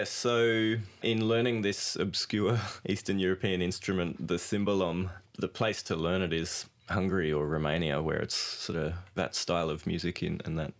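A man, a band member, chatting casually in an interview, joking and laughing often. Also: sits low. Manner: laughs often, loose and jokey.

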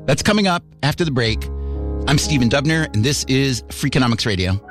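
A man hosting a radio show, giving scripted narration in a smooth radio host delivery. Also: medium pitch, animated, brisk, over loud music.

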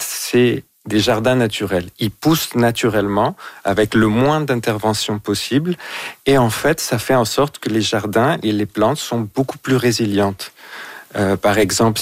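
Radio guest, man from Mexico, low voice, dry sound, easygoing, halting with fillers. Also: no room sound. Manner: hesitant, many fillers, easygoing. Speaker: guest gardener. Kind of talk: radio interview.

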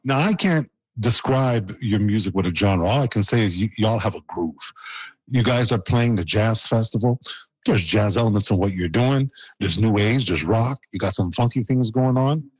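A man's voice: on the low side, moderate pace, slightly rough, dry recording, rough recording. Playful, joking male interview host. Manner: joking, teasing, upbeat.

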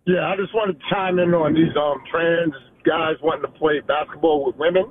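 A man's voice: a little high, steady tone, moderate pace, crowd noise. A man calling a radio show, blunt and casual. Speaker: radio caller. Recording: tinny phone line.

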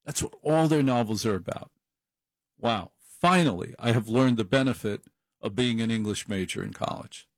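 With a medium-pitched voice at a normal speed, a middle-aged man rambles through a casual monologue on his overnight call-in radio show, cheerfully running himself down. He speaks into a studio microphone, and the recording is dry.

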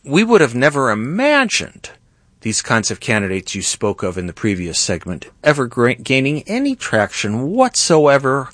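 A man's voice: medium pitch, huge pitch swings, normal speed, a bit bright, no echo. A middle-aged man hosting a political talk show, speaking emphatically and rising to indignant outbursts. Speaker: host.

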